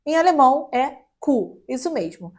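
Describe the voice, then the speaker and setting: A young Brazilian woman giving a casual online German lesson, spelling letters out slowly and adding light jokes. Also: sits high, very animated, darkish tone. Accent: Brazilian Portuguese. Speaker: German teacher.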